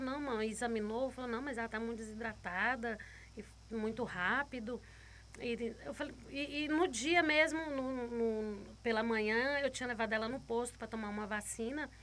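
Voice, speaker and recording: Guest woman, testimony storyteller: bright, sharp tone, a touch high, vivid and repetitive retelling. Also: a little hiss or hum. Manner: vivid retelling, repeating words, voicing others' lines. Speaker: guest giving a faith testimony.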